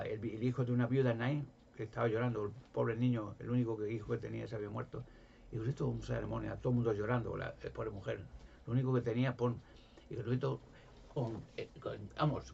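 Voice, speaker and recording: A man's voice: on the low side, vocal fry, darkish tone, highs cut off, slight background noise. A man from Spain with a Spanish accent, preaching informally and retelling Bible stories, rambling with many restarts. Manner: rambling, many restarts, acts out quoted voices.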